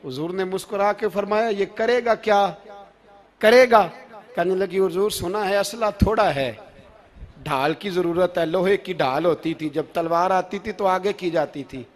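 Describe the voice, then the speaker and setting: Male preacher, high voice, fervent storytelling sermon, climbs to shouts. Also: normal speed. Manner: impassioned, rising to shouts.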